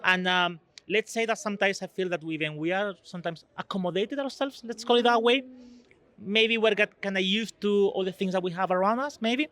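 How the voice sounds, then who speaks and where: This Spanish EU delegate speaks briskly as an interview guest, his fairly high voice pushed and bright. Earnest in manner, he gropes for words and phrases things in a non-native way while answering conversationally.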